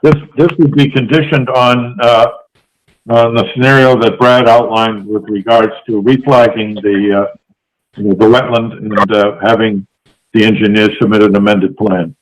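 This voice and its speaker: A man's voice: lowish voice, flat delivery, moderate pace, low-quality recording. A man who sits on a commission, making a formal motion over a remote call whose audio keeps breaking up. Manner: formal, procedural. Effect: choppy, breaking-up remote call audio. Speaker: commission member.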